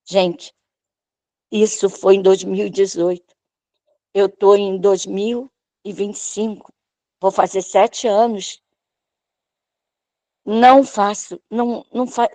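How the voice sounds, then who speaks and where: Slow-speaking woman in her sixties, testifying. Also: mid-range voice, fairly even intonation, mellow, no echo. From Brazil. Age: 60s. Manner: emotional storytelling, acting out the doctors' lines. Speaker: church member giving testimony. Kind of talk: personal testimony at a church service.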